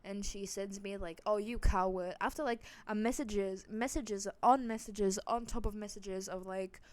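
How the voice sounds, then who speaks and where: A young woman rambles through a storytime vlog, swearing freely and restarting her sentences. Her pitch and loudness jump around dramatically, and she sits in mid range. The sound is close and dry, with no room echo. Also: steady tone, normal speed. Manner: rambling, swears a lot, many fillers and restarts. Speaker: vlogger. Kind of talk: casual storytime monologue.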